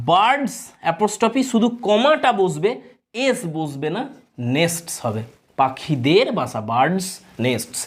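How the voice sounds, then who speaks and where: A woman with a Bengali accent teaching an exam-prep grammar lesson, explaining step by step and putting questions to her students. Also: medium pitch.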